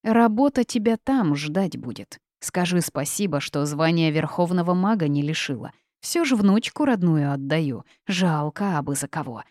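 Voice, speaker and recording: A woman reading the part of a stern, sharp-tongued old grandmother witch in an audiobook, curt and scolding. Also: low voice, lively intonation, moderate pace, hardly any pauses, no room sound, clean studio sound. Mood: threatening.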